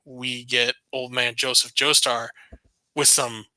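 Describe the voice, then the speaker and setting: A man's voice: mid-range voice, level tone, slow pace, sharp tone, no room sound, poor audio. A man co-hosting a casual anime podcast, gushing enthusiastically and often restarting his sentences. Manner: enthusiastic, gushing, self-interrupting. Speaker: podcast co-host.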